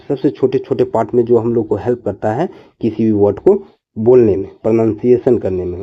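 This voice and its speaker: A man teaching an online class, explaining slowly and answering his own questions. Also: mid-range voice, warm tone, dull audio.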